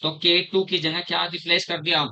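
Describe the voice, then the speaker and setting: A middle-aged man teaches a chemistry class, slowly repeating terms, quizzing his students and calling them "beta." His fairly high voice is flat, pushed and bright, and the recording is lo-fi.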